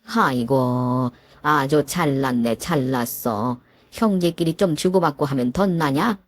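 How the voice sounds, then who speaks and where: A woman voicing a domineering, sharp-tongued older mother-in-law who sneers and drags out her scolding words. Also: on the low side, animated, unhurried, no room sound. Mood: scornful.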